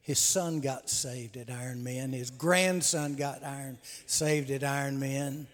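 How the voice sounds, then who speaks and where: Here the host of a men's church conference shares announcements and testimony, homespun and heavy on "uh" and repeated words. His mid-range voice is steady and a touch slow, echoing through a large, reverberant hall.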